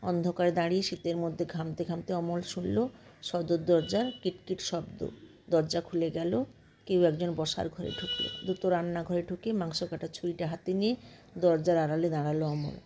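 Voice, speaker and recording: A woman reading a short story aloud in a steady, measured narration. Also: fairly low pitch, a little hiss or hum. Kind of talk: scripted narration.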